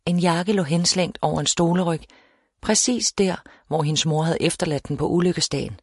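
A woman reading a novel aloud as an audiobook narrator, in a steady, measured storytelling manner. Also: lowish voice, breathy edge, dry recording, studio quality. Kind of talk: scripted narration.

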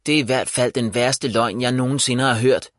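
A man voicing a bold, excitable young village boy in a children's audiobook, with an emphatic manner. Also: medium pitch, dry recording, natural voice. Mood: indignant. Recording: dry close voice.

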